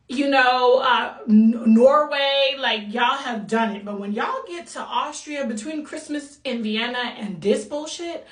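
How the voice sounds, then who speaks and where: A woman from the United States delivers an exasperated, blunt review in a casual rant, mildly swearing as she goes. Her voice sits a little high. She sounds set back from the mic in an echoey room. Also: a bit bright, recorded from a distance. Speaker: movie reviewer.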